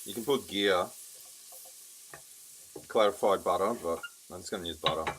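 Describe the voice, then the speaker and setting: A man with a low, slightly bright voice hosts a cooking show at a normal pace, casually narrating each step while standing at the stove in an indoor kitchen. The recording is noisy, filled with frying sizzle, stirring, and clicks.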